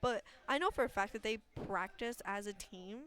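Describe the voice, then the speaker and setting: Excitable young woman casting esports. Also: mid-range voice, moderate pace. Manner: excitable, gushing, stumbles and repeats words. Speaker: esports caster. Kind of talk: casual live commentary chat.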